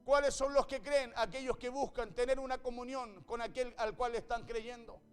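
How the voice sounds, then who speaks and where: A man preaching a sermon and reading scripture aloud. He speaks with fervor, repeats his phrases and breaks in with a quick "hey". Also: very high voice, flat delivery, soft background music.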